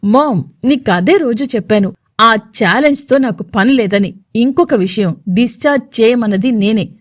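Rich: A stern young man recovering from an injury, as a woman acts him out, warning his family in a firm, angry tone. The voice stays fairly high and the sound dry. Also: moderate pace, no echo, natural voice.

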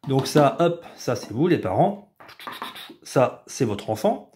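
A man, a preschool teacher, explaining a home activity to parents in a patient, step-by-step way, sometimes stretching words out slowly. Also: medium pitch, sing-song, darkish tone, slight background noise. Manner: patient, explanatory, drawn-out syllables when demonstrating. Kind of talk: instructional video for parents.

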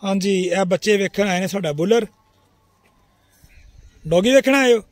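A man's voice: high-pitched, a little slow, dry recording. A middle-aged man with a Punjabi accent, chatting casually as he films a walk around his outdoor dairy farm on a phone held at arm's length, calling out to animals and children and adding a polite "ji" to his lines. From Pakistan. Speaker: farm vlogger.

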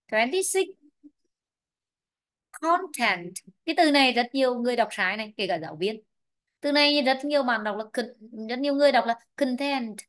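A woman teaching English online with a Vietnamese accent, slowly drilling word stress and explaining it in Vietnamese. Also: high voice. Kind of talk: online class, correcting pronunciation.

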